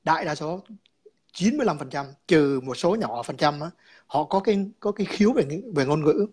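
A man's voice: fairly high pitch, lively intonation, a little fast, a little mellow, slightly rough. A man calling in to a chat, explaining his views in a rambling way, repeating words and slipping in English terms.

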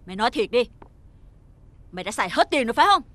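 A wealthy mother in a TV drama, speaking with a Southern Vietnamese accent. Her voice sits high and turns shrill and scolding. She fusses over her own son but tears into the boy she blames. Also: big pitch swings, rapid-fire, fairly bright tone. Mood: furious. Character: wealthy mother, doting to her son, harsh to his friend. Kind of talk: TV drama acting.

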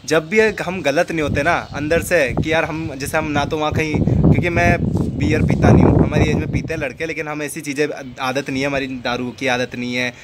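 A man's voice: on the high side, steady tone, brisk, hardly any pauses, heavy background noise. A young man with a Rajasthani Hindi accent telling a personal story in a chatty way, repeating phrases and acting out the people he quotes. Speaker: storyteller vlogger. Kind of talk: casual spoken storytelling.

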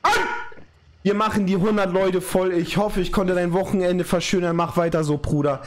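A young man streaming from home, overjoyed and slangy, his voice trembling with excitement. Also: high voice, moderate pace, background noise. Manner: overjoyed, slangy, constant exclamations. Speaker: live streamer. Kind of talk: excited live stream reaction. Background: music.

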